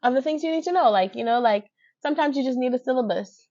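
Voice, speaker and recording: A woman with a New York accent, talking casually as a podcast guest about her work as a fashion designer, chatty and quick to laugh. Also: high-pitched, lively intonation, a little mellow, muffled recording. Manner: chatty, laughs easily, quotes her own thoughts.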